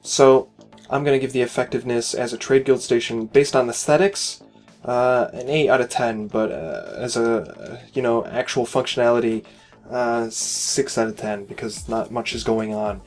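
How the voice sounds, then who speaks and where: A game station reviewer, weary and losing his voice, critiques a player's space station in casual, wandering gameplay commentary that's critical yet encouraging, with frequent "uh" and "you know" fillers. He talks at a medium pitch and moderate pace as soft music plays behind him.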